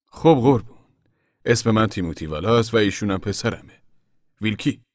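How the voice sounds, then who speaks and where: A man's voice: on the low side, lively intonation, dry recording, clean studio sound, voice pushed up, close to an everyday voice. A man voicing an older, weary farm worker and father who talks in a bitter, worn-down way.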